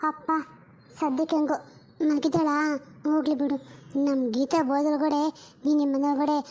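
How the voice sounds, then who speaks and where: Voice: high voice, little pitch movement, fairly quick, darkish tone, voice pushed down, natural voice. A performer voicing a grieving elderly mother-in-law who laments and sobs in a family drama. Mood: confiding. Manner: wailing and lamenting, sobbing pleas.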